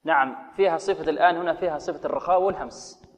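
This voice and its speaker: A man teaching Quran recitation rules, explaining slowly, asking rhetorical questions and modeling recited examples. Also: on the high side, in a large hall. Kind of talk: tajweed lesson with recited examples.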